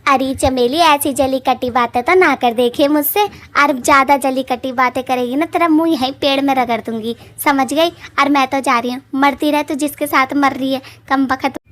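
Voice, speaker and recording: A woman's voice: high voice, steady tone, normal speed, hardly any pauses, fairly bright tone. A woman voicing an angry, scolding mother witch in a cartoon story, threatening her daughter. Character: angry mother witch, older, sharp-tongued.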